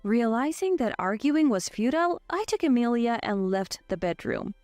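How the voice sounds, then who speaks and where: A woman in her twenties narrating a scripted first-person story with an even, steady delivery. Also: fairly high pitch, moderate pace, no echo, faint music behind. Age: 20s.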